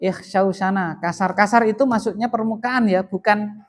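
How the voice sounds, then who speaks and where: Male teacher, classroom lesson, animated emphasis, asks students questions. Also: high voice, moderate pace. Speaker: teacher of Arabic grammar. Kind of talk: classroom lesson with call and response.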